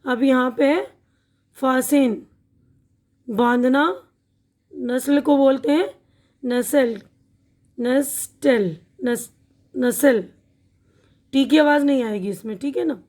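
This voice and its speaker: A woman teaching an online spoken-English lesson, explaining words slowly and repeating each one, often checking in with her listeners. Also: high-pitched, a little mellow. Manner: checks in with "theek hai na".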